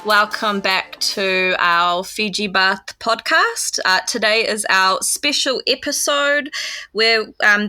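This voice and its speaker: A woman co-hosting a podcast, speaking casually with a measured, halting delivery. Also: mid-range voice, bright, forceful tone. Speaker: podcast co-host.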